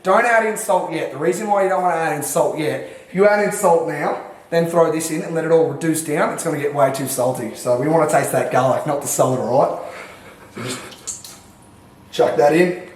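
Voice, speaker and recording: Brisk and fairly high-pitched, an Australian home-cook vlogger puts on a mock cooking show in his echoey home kitchen. He's cocky, swears heavily, and lectures whoever's watching.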